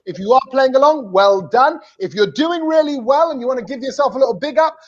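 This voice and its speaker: A man with a strikingly high voice hosts a live cricket fan show, bouncing along with playful, teasing energy. The sound is dull and lo-fi. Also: expressive, a little fast. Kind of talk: lively live-stream chat.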